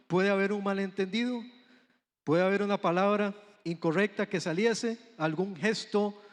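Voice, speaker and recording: A man with a Costa Rican accent preaching a sermon in a church, talking conversationally and often asking the congregation questions. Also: high voice. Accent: Costa Rican Spanish. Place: church sanctuary. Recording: long hall reverb.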